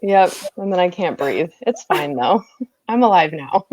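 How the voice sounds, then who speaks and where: A woman's voice: on the low side, lively intonation, measured pace, darkish tone, low-quality recording. A woman chatting on a video call, telling a story and laughing at her own fears. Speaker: author and group admin. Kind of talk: casual video call chat.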